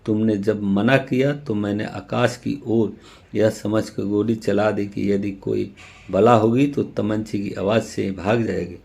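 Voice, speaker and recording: A man's voice: fairly low pitch, fairly even intonation, unhurried, gravelly, a little mellow. A man reading the part of a stern, blunt landowner father in a story, speaking firmly. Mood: tender. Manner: firm, commanding.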